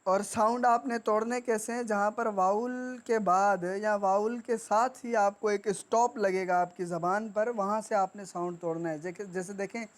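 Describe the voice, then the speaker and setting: A woman teaching grammar. She speaks deliberately and repeats each word for dictation. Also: mid-range voice, fairly even intonation. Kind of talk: classroom lesson.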